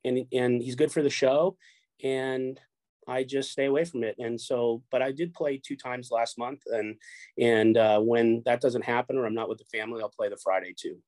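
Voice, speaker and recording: A man's voice: mid-range voice, steady tone, normal speed, darkish tone, no echo. A middle-aged man from Chicago who runs a poker show, chatting casually, rambling with repeated words and free swearing. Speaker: poker show runner and guest. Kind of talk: casual chat.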